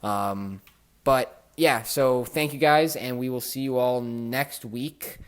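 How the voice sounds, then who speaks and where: Swearing, animated male podcast host. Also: mid-range voice, takes it slowly, smooth. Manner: animated storyteller, swears often. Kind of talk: casual podcast chat.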